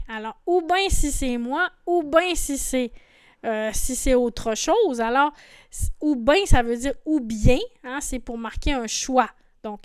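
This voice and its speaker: A woman's voice: sits high, clear, resonant tone, no echo, studio quality. A woman explaining song lyrics in a patient lesson, repeating words and often adding "hein". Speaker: French teacher.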